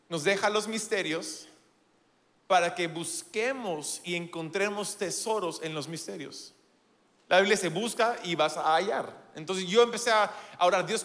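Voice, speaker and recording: A man preaches a sermon in an animated, playful manner full of self-deprecating humor. His voice sits high, and the audio has a long reverb tail.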